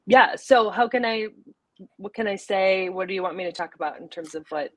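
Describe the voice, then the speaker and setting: A woman's voice: mid-range voice, fairly quick, a bit bright, no room sound. A woman, a psychologist guest congested from a sinus infection, explaining things informally with everyday examples. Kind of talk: casual explanatory interview talk.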